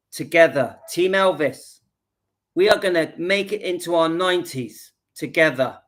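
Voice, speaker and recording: A man's voice: on the high side, a bit bright. A man in his fifties vlogging from home, earnestly rallying his viewers and repeating his points for emphasis. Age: 50s. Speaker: channel host. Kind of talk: casual direct-to-camera vlog.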